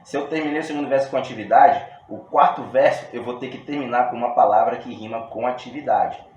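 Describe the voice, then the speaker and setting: A man's voice: medium pitch, quick pace, muffled recording. Brazilian man teaching in an echoey room. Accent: Brazilian Portuguese. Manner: relaxed, slangy, explains step by step with many restarts. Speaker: poetry workshop teacher. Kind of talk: casual video lesson. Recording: roomy echo with faint room noise.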